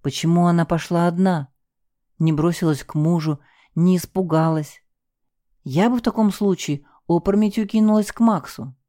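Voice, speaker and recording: A woman reading a first-person mystery audiobook in a lively, expressive way. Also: on the low side, moderate pace, no room sound, clean studio sound. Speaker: audiobook narrator.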